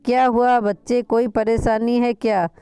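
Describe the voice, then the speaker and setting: A woman voicing an older father who speaks gently and reassures his son. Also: fairly high pitch, level tone, measured pace, smooth, natural voice. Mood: reassuring. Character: older father figure, caring and steady.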